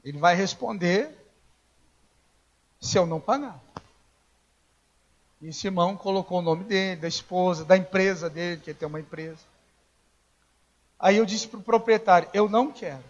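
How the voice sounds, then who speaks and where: Man, pastor, high voice, storytelling sermon, acts out dialogue, dull lo-fi recording. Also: normal speed, pauses often. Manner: conversational storytelling, acts out dialogue, rises to shouting. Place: church.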